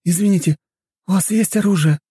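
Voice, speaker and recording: A man's voice: high voice, fairly quick, dark tone, slightly rough, no echo, clean studio sound, pitched above the performer's own voice. A man voicing a bold, bloodthirsty woman who speaks curtly and sarcastically, in an audiobook. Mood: sarcastic. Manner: curt, sarcastic.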